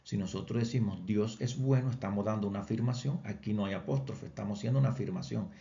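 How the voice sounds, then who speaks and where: Male Bible teacher, mellow low voice, methodical lecture delivery, muffled recording. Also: quick pace, creaky. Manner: patient, repeats points with examples. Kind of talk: explanatory lecture.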